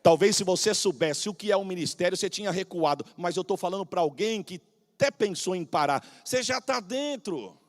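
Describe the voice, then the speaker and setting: Fervent Brazilian pastor, high voice. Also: male voice, animated, brisk. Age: 40s. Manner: swings from hushed storytelling to shouted fervor. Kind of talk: Pentecostal preaching with storytelling. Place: church sanctuary.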